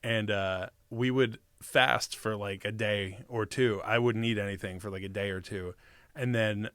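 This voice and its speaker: A man's voice: fairly low pitch, fairly even intonation, measured pace, a bit bright, smooth, no room sound, studio quality. A man in a casual interview, telling stories as the guest in a rambling, profane, slangy way. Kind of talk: casual chat, storytelling.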